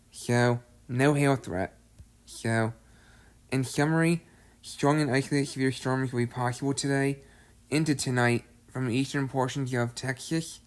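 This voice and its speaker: A man hosting his own severe weather update, methodically reading out the risks and regions in a repetitive way, sounding slightly out of breath. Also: mid-range voice. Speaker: amateur weather forecaster, channel host.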